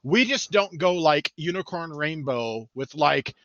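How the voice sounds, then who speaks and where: An excitable man jokes about himself as a podcast guest. His voice is bright and forceful, a bit higher than most men's. The sound is dry and slightly dull, like a lo-fi mic. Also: a little slow, no room sound. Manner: excitable, self-deprecating, jokey. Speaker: guest, marketing manager. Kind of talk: casual podcast chat.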